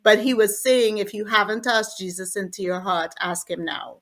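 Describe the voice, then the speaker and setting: A woman's voice: medium pitch, normal speed, a bit bright. A woman from Trinidad, a podcast guest, earnestly telling her personal faith story in an interview.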